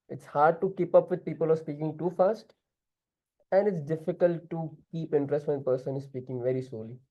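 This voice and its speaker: A man with an Indian accent and a fairly high voice gives direct group discussion feedback as an interview prep mentor, switching into Hindi now and then. The sound is lo-fi.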